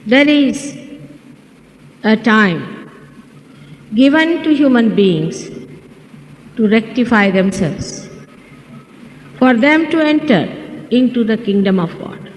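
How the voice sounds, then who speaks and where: A woman, a spiritual teacher giving a measured lecture and explaining words one by one, heard in an old archival recording. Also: on the high side. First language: not English. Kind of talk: slow spiritual lecture to an audience. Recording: old echoey hall recording with faint hiss.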